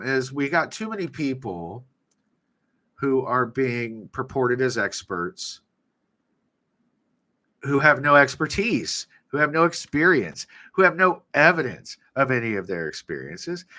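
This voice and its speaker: Bright-voiced, blunt, profane man. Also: mid-range voice. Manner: blunt and profane, animated, sarcastic. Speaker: livestream host and author. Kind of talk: casual livestream monologue.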